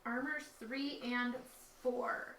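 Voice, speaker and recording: A woman's voice: on the high side, steady tone, slow, a bit bright. A woman narrating as dungeon master in a chatty way, often laughing and correcting herself. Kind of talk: narrating a tabletop game. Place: dining room table with players. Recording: echoey room, mic far off, faint noise.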